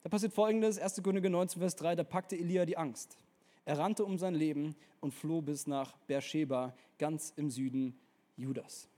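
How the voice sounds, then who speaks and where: A young man preaching a casual, energetic sermon, talking straight to the listener in colloquial words. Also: a little high, moderate pace.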